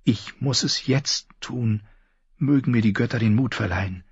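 A man voicing a nervous, earnest young noble girl who speaks softly and pleadingly, in a slightly muffled audiobook recording. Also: medium pitch, a little slow, slightly rough, no room sound, voice pushed up. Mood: inner resolve. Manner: soft, pleading.

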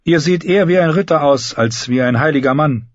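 A man's voice: brisk, no room sound, close to an everyday voice. A man voicing an earnest, grave young woman warrior in an audiobook, raising and pushing his voice for her lines. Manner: higher, louder put-on voice, questioning. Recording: dull muffled recording.

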